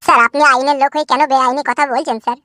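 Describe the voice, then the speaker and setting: A performer acts out a cartoon dub as an aggrieved, self-pitying young husband, pouring forth long, wailing complaints filled with florid images. The high, bright voice is forceful and rapid-fire with fairly even intonation, in a dry, studio-quality recording.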